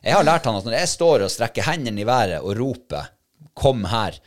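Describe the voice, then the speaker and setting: A man telling a story in casual chat, animated and quoting the people he met. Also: medium pitch. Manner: lively, animated retelling, quoting others. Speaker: dog handler telling a story.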